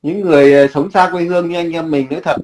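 A man's voice: on the high side, fairly even intonation, quick pace, poor audio. A man from Vietnam speaking earnestly in casual chat, repeating and restarting his words. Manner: earnest, repetitive, many restarts. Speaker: emigrant father. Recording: crowd chatter behind.

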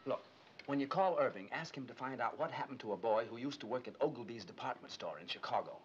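A man playing a brisk entertainer. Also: medium pitch, lightly acted. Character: breezy American song-and-dance man. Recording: dull, hissy 1950s film soundtrack.

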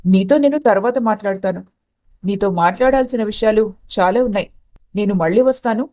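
A woman voicing a scheming young elder sister in an animated story, who talks in a tense, accusing way. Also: high-pitched, moderate pace.

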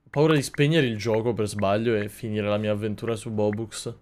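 A young man commenting on a video game as a streamer, swearing a lot, mocking himself and bursting into loud yells. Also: fairly low pitch, steady tone, brisk, slight background noise. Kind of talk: gaming commentary.

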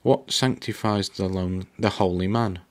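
Guy voicing a scary hollow dancer dude from a storybook, booming questions, lowish voice. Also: measured pace. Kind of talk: audiobook character voice.

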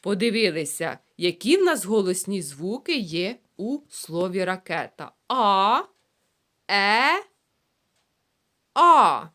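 A woman teaching a phonics lesson to young children, sounding out words slowly syllable by syllable. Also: medium pitch, big pitch swings, bright, forceful tone. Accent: Ukrainian. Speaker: preschool teacher.

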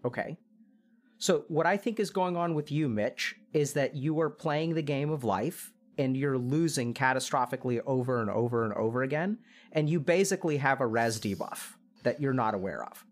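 A man's voice: mid-range voice, expressive, normal speed. A man streaming and talking casually, coaching a guest with earnest game analogies. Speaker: streamer giving life advice.

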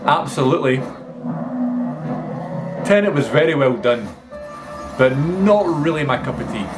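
A young man talks casually as a reaction video host. His pitch sits in the middle and moves up and down a lot, with clip audio and music playing behind him. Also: animated, a little slow. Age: young adult. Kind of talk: casual reaction commentary to cartoon clips. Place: small furnished room at home.

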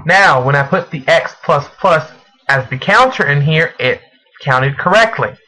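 A man narrating a step-by-step programming screencast, speaking in halting, deliberate phrases as if dictating while he types. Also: a little high, lively intonation, pushed and bright, soft background music. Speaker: programming tutorial presenter. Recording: noisy home recording with mouse and key clicks. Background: clear background noise, clicking.

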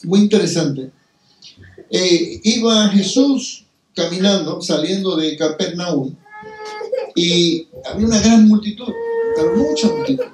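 A man giving a sermon-style Bible reflection, telling the story in an animated way and acting out the voices of the people in it. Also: high voice, a little slow, slight background noise. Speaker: lay preacher. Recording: roomy hall, distant mic.

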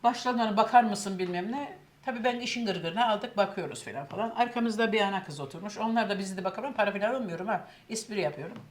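Older woman, animated storyteller voicing others, faint background noise. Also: medium pitch, quick pace, few pauses. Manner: lively storyteller, acts out quoted voices. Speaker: cooking show host telling a story. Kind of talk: casual anecdote.

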